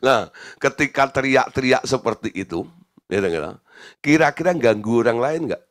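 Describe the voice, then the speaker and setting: A male pastor delivering a sermon, animated, asking the congregation questions and acting out the voices of the people in his story. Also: medium pitch, moderate pace.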